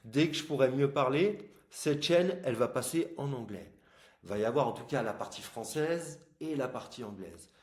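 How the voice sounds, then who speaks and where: A man's voice: medium pitch, expressive, moderate pace. A man hosting a casual explanatory marketing video, speaking informally and emphatically to the viewer, with articulation slightly impeded by plastic dental aligners. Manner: informal, emphatic, addresses the viewer directly with examples. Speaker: host of an online marketing channel. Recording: echoey room.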